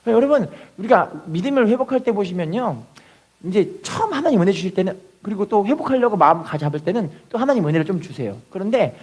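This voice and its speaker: A man's voice: expressive, quick pace, darkish tone, husky. A man preaching a sermon to his congregation, leading call-and-response and crying out prayers as he tells them. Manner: cries out acted prayers at a high pitch. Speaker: pastor. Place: church sanctuary.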